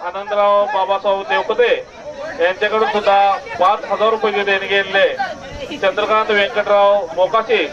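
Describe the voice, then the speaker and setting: A man over a loudspeaker at an outdoor wrestling ground, formally reading out donors' names. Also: sits high, normal speed. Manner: formal, steady listing of names. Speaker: event announcer. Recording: muffled PA sound over a crowd. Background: crowd noise.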